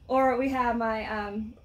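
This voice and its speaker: A woman chatting casually to camera while painting, giggly and self-mocking. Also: fairly high pitch. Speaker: vlogger. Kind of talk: casual home vlog.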